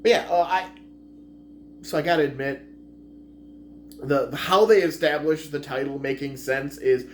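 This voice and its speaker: A man's voice: fairly high pitch, moderate pace, pauses often, slight background noise. A man giving a casual spoken movie review, rambling and correcting himself as he goes. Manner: rambling, self-correcting, chatty.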